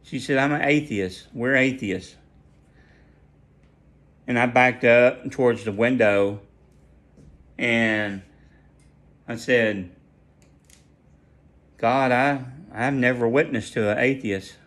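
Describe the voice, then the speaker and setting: A man's voice: mid-range voice, slow, pauses often, a bit bright. A man sharing a personal faith testimony in a casual storytelling way, earnest and prone to repeating and restarting his phrases.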